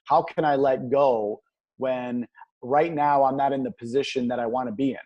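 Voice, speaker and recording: A man's voice: mid-range voice, steady tone, moderate pace, darkish tone, muffled recording. A man speaking as a guest business coach, talking in an earnest, motivational way and leaning on pet phrases. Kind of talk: motivational interview talk.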